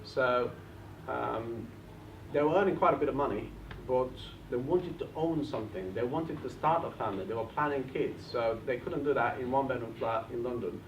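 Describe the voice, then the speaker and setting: In a meeting room before an audience, a Bulgarian-accented man from Bulgaria gives a seminar presentation in a mid-range voice at a moderate pace. He's lively and keeps addressing people directly with questions. The sound is muffled and echoey, with a distant mic and slight hiss.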